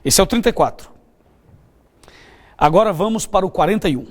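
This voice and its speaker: High-voiced Brazilian pastor telling stories. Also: male voice, animated, fairly quick. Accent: Brazilian Portuguese. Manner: storytelling, conversational, asks listeners questions. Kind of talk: televised sermon.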